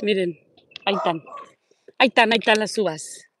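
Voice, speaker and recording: A woman chatting casually into her phone while she walks outdoors, and she coos in a high voice at the dogs she passes. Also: a little fast, background noise. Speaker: vlogger. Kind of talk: casual walking vlog. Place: outdoors on a neighborhood street. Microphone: phone held while walking.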